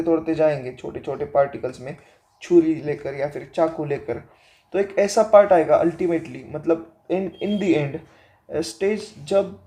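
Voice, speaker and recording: Male teacher, sore throat, kinda high but mellow voice, reads the book out slow then explains. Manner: mixes Hindi and English. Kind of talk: classroom lecture.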